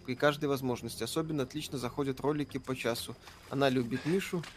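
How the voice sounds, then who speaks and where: A man's voice: mid-range voice, fairly even intonation, fast, a little hiss or hum. A man hosting a live gaming stream, reading viewer questions aloud and answering in a dry, offhand way. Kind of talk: casual live stream chat. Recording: stream with background music. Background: music playing.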